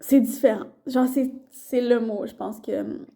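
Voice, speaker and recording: High, mellow young Québécoise rambling casually. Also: female voice, fairly even intonation, measured pace, gravelly. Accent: Québécois French. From Quebec. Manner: rambling, loose and chatty, full of fillers and restarts. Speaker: vlogger and student intern. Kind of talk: casual vlog chat.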